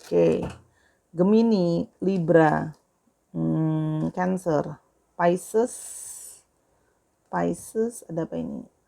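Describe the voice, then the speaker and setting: A woman's voice: lowish voice, very animated, drawn-out words, creaky, pauses often, warm tone. A young woman giving a casual tarot reading, chatty and affectionate, calling her viewers dear. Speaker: tarot reader.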